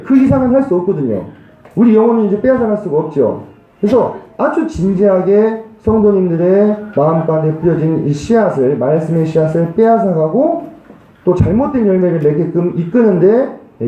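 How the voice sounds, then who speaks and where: A man preaches a sermon in a church, his high voice rising and falling in wide swings. He keeps putting rhetorical questions to the congregation. The recording is roomy and slightly dull. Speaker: pastor.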